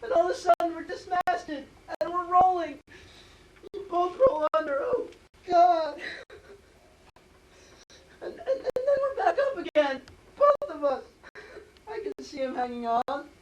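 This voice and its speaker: A woman's voice: very high voice, big pitch swings, measured pace, long pauses, far from the mic, exaggerated voice, rough recording. A woman acting a grieving, guilt-ridden teenage boy in a school stage play, distraught and stammering. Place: school stage, recorded from the hall.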